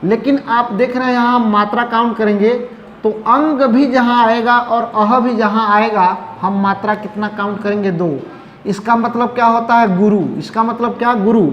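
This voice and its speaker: A man's voice: very high-pitched, fairly even intonation, a bit bright, lo-fi sound. Man teaching in an echoey classroom. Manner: asks questions and answers them himself; repeats definitions slowly while writing. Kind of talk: classroom lecture. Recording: echoey room with faint noise.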